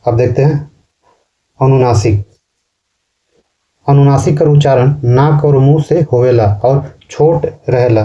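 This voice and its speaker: A man teaching a class in slow, repetitive explanations, often ending sentences with a questioning tag. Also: mid-range voice, mellow, muffled recording. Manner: explains slowly, repeats words and ends sentences with a questioning "ना". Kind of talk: classroom lecture.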